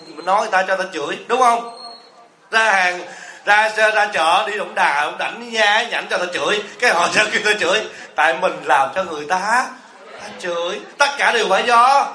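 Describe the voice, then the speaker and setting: Speaking in a high, sharp voice, this man gives a comic sermon in the role of a Buddhist monk teacher. The recording has an echoey hall sound, and he keeps posing rhetorical questions to listeners while joking and teasing them.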